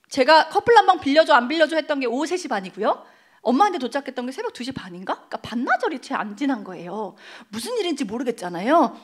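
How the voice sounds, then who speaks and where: A middle-aged woman speaking at a church service, telling a personal testimony with emotion and acting out the dialogue. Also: high-pitched. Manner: emotional storytelling, acts out quoted dialogue.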